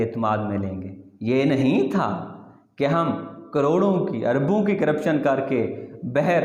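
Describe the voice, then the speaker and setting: Slow, declamatory man in an echoey room. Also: mid-range voice. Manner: slow, declamatory, with emphatic rhetorical questions. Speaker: YouTube channel host. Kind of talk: reciting and explaining a patriotic poem. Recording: echoey room with long reverb.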